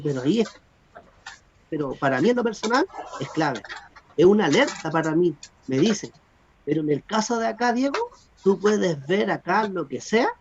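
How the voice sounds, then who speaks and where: Gravelly man teaching online. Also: sits high, slight background noise. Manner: explanatory, animated, asks students if they follow. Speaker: Greek grammar teacher. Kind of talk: online class lecture. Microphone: video call. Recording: dull lo-fi video call audio.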